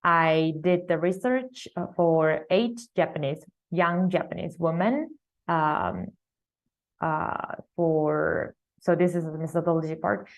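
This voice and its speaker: Woman, student presenter, fairly low voice, halting delivery full of fillers. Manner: hesitant, many fillers and restarts. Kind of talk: academic research presentation.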